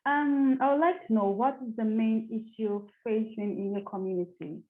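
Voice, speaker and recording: A woman's voice: on the high side, moderate pace. A woman interviewer who asks simple questions and often repeats them. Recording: tinny phone-like line.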